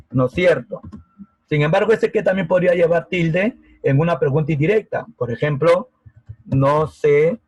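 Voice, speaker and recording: A man's voice: on the high side, darkish tone, dry recording, rough recording. A man teaching a grammar lesson over a video call, patient and often checking that students follow. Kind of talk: online grammar class. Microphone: laptop mic on a video call.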